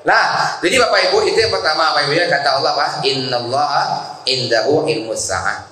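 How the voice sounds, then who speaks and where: A middle-aged man with a West Sumatran accent giving a lively Ramadan sermon, often asking his congregation questions. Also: fairly high pitch, fairly quick. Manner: animated, conversational, asks the congregation questions. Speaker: preacher. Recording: very echoey hall.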